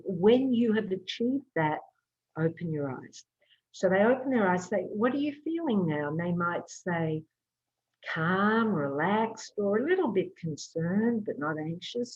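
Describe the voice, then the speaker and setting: A woman therapist explaining a therapy technique in a lively way, acting out dialogue with clients. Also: mid-range voice, breathy edge, dull audio. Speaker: psychotherapist.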